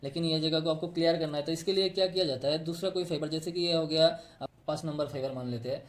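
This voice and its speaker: A man's voice: on the high side, fast talker. A man explaining step by step how fiber optic cables are tapped and connected, pointing to a diagram he drew. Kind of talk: technical tutorial.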